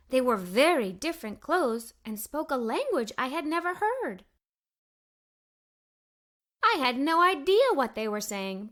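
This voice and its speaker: A woman with a high, slightly bright voice reads a children's story aloud with expression, narrating as a cheerful young girl in a scripted storytelling piece for kids.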